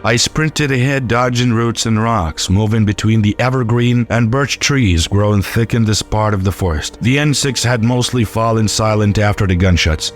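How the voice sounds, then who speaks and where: A man tells a first-person horror story in a low, measured voice. He keeps an even storytelling pace. Faint music runs under the narration.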